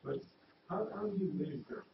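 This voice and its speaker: A man on a school board asking questions at a public meeting, halting, with many uhs and restarts. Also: sits high, vocal fry. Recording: echoey, dull sound from a distant mic with noise.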